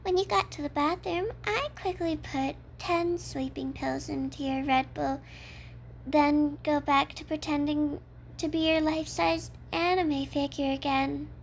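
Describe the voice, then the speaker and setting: A woman's voice: high voice, steady tone, a little slow, creaky, slight background noise. A woman playing a cheerful, obsessive yandere kidnapper in an ASMR role-play, talking coyly and matter-of-factly to a captive listener. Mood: matter-of-fact, fond. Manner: matter-of-fact, coy, addresses the listener as captive.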